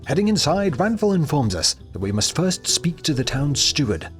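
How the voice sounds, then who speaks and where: A man's voice: on the high side, big pitch swings, moderate pace, soft background music. A man narrating a comic video game review with sarcastic, mocking delivery.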